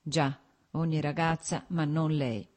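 A woman's voice: low voice, steady tone, slow, a little mellow. Earnest young nobleman in love, read by a woman. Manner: earnest, urgent, pleading.

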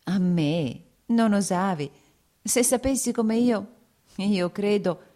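A woman reading aloud, voicing a kind but reserved married woman who speaks in a measured, slightly cool way. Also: medium pitch, dark tone, pitched above the performer's own voice, lightly acted. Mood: gentle.

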